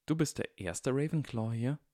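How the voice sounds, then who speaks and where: A man's voice: medium pitch, animated, moderate pace, dark tone, no room sound, studio quality, pitched above the performer's own voice, close to an everyday voice. Man voicing haughty Draco, sneering boy. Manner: sneering, clipped. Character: haughty, stiff young wizard boy.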